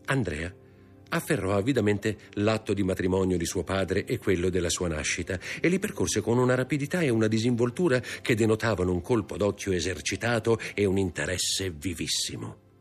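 A man narrating an audiobook in a measured, expressive reading. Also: low voice, slightly rough, faint music behind. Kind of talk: scripted narration.

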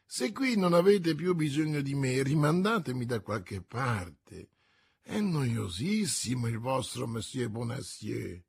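Man doing a calm, unruffled musketeer. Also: medium pitch, gravelly, slightly rough, full character voice. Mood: bored. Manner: slow, unruffled, dryly ironic. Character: calm, aloof male musketeer around thirty.

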